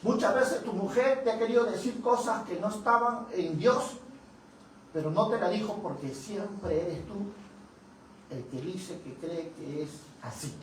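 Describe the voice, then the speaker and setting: A man's voice: sits high, expressive, measured pace. A man, a pastor giving a testimony sermon who tells the story dramatically and acts out the dialogue. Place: church hall. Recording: very echoey, distant, noisy church room.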